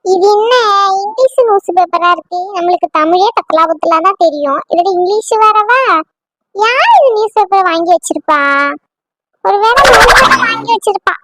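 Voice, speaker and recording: Excitable mother-in-law, very squeaky high pitch, scolding temper, cartoon comedy, dry sound. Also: moderate pace, dry recording, heavily acted. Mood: curious, concerned. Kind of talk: exaggerated cartoon comedy voice acting.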